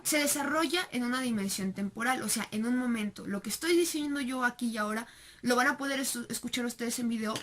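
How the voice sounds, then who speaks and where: A young adult woman, a student presenter with a Mexican Spanish accent, gives a recorded class presentation full of fillers and rhetorical question tags. Her voice is a little high and fairly bright.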